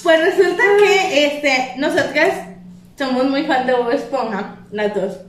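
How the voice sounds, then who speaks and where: A young Costa Rican woman with a high-pitched voice co-hosts a casual podcast. She tells stories in animated, gossipy slang. The sound is echoey and set back from the mic. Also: unhurried. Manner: slangy, animated storytelling with giggles. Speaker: podcast co-host. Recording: roomy, echoey, distant from the mic.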